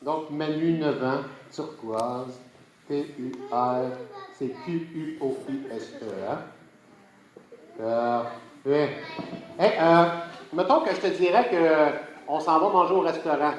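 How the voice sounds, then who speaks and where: Speaking slowly in a slightly high voice, a man with a Quebec French accent teases and plays with children as a party magician, nudging them along with brief questions. The echoey room carries noticeable background noise.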